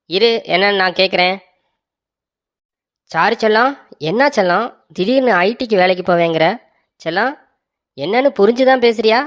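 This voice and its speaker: A woman voicing a soft-hearted young husband who sweet-talks his wife in a cartoon comedy. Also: medium pitch, natural voice. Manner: sweet-talking, pleading, calls his wife "darling".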